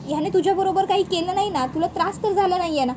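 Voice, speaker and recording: A woman's voice: extremely high pitch, fast, background noise. A woman voicing a protective middle-aged father who sounds anxious.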